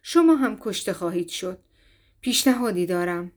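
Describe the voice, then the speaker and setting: A woman's voice: fairly low pitch, animated, darkish tone, voice pushed down. Woman putting on a stern Viking chief.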